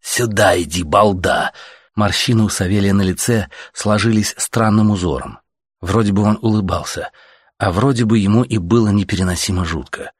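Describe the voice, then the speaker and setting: Deep husky male audiobook narrator. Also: steady tone, a little fast, darkish tone, no room sound, studio quality. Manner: terse, clipped sentences.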